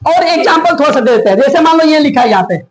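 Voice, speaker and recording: Animated high-voiced man teaching a class. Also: fast, reverberant, rough recording. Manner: questions the class often, animated. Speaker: English grammar teacher. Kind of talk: classroom lecture.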